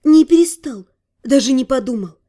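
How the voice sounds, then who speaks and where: A woman's voice: high-pitched, expressive, normal speed, warm tone. A woman narrating a first-person story as an audiobook, reading expressively with emotion.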